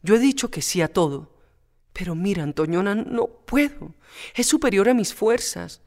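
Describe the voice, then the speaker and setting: A man's voice: high-pitched, animated, moderate pace, darkish tone. A man reading a storybook aloud and voicing a young widow torn by love, pleading and impassioned.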